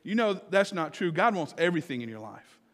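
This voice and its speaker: A male pastor preaching a memorial sermon and prayer in a church, swinging from loud exclamations to hushed, slow emphasis and asking the congregation direct questions. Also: fairly high pitch, big pitch swings, in a large hall. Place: church sanctuary.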